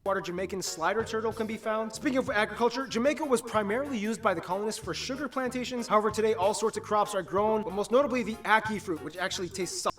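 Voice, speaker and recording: A man presenting an upbeat educational video in a brisk, playful, quipping manner. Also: high-pitched. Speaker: documentary presenter. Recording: distant clip playing under music.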